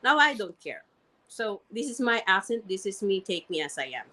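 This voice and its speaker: A registered nurse and online marketer, interviewed as a guest, shares a candid personal story in a strong non-native English accent, earnestly repeating and restarting phrases. Her medium-pitched voice swings widely in pitch, bright and forceful at a normal speed.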